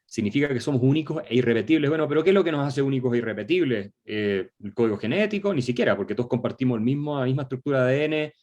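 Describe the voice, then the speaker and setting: Male guest, average pitch, professorial, peppers speech with fillers. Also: expressive, rapid-fire, hardly any pauses, darkish tone. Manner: lecturing, many filler "eh" and tag questions. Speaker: guest commentator. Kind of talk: political discussion.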